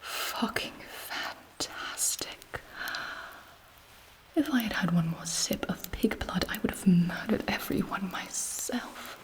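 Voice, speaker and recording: Woman whispering as Carmilla, a slow, haughty vampire queen. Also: mid-range voice, natural voice, low-quality recording. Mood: irritated, contemptuous. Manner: imperious, sardonic, slow and deliberate. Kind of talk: whispered ASMR roleplay.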